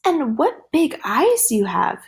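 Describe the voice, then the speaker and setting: A woman voicing a polite, cheerful young girl in a storybook, speaking slowly and wide-eyed. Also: high voice, huge pitch swings, gravelly, voice pushed up, exaggerated voice. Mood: wondering.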